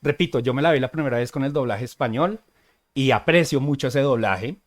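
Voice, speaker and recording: Chatty man discussing dubbing. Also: medium pitch. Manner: chatty, fills pauses with "eh" and "¿sí?". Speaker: podcast co-host. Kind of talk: casual podcast discussion.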